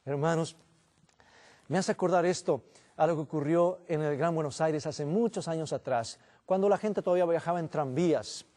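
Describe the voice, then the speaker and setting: A man's voice: fairly high pitch, normal speed, warm tone. A man preaching a sermon in a church, telling a story and voicing its characters along the way. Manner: storytelling preacher, voices the characters in his anecdote. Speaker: pastor.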